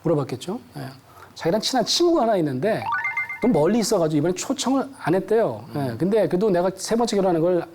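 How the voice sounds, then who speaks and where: A middle-aged woman counselor tells a personal story to an audience at a quick clip. Her voice swings widely in pitch as she acts out each person in the story. Music plays softly behind her. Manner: lively, acts out the voices of people in her stories. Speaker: lecturer and counselor. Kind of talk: storytelling lecture. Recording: background music under the voice.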